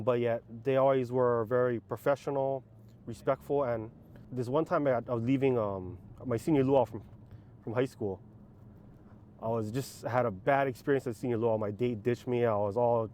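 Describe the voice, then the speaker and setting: A man in his thirties from Hawaii, a police officer, telling stories casually in halting, informal phrases. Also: mid-range voice, darkish tone. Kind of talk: casual interview storytelling. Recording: faint background noise.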